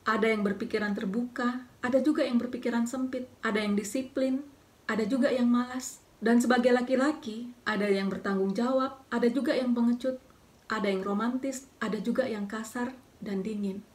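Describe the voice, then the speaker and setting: A woman from South Sulawesi, Indonesia, giving dating advice to camera in a calm, scripted way, often putting questions straight to the viewer. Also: on the high side, moderate pace, recorded from a distance.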